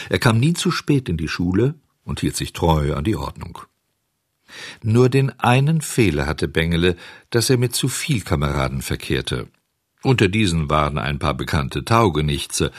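A man reading a children's novel aloud as an audiobook narrator, measured and expressive. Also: sits low, slightly rough, no room sound, studio quality.

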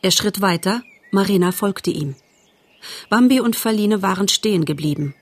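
A woman reading a storybook aloud as narrator, calm and measured. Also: mid-range voice, no echo. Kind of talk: audiobook narration.

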